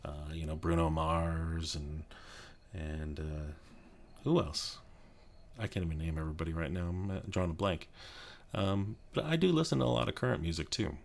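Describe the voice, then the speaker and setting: A man in his thirties from Colorado, chatting quietly and rambling in a soft-spoken ASMR video from his home office, with many restarts. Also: low-pitched, normal speed, gravelly. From Colorado, USA. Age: 30s. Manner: speaking quietly so as not to wake a child. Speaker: YouTube creator.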